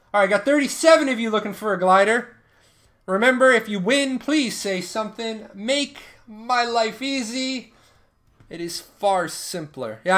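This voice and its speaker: Running giveaways on a live stream, this thirty-something host jokes around and banters casually with his viewers. He has a high-pitched, fairly bright voice.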